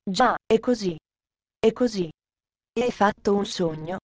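Woman voicing a kindly old doctor, gentle, soothing, storybook, dry recording. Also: mid-range voice, measured pace, no echo, lightly acted.

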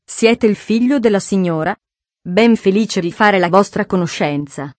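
Reading from a storybook, a woman gives a loud, sinister Frenchman a mid-range voice close to her everyday one. His boisterous lines come out in a slow, theatrical drawl that mocks everyone nearby. There's no room sound; the audio is dry and close.

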